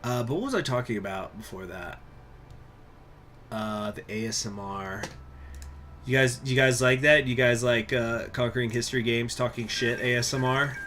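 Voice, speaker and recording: A man's voice: medium pitch, moderate pace, a bit bright, slight background noise. A young man hosting a strategy game video, rambling in crude, meandering commentary and often losing his train of thought. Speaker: gaming channel host.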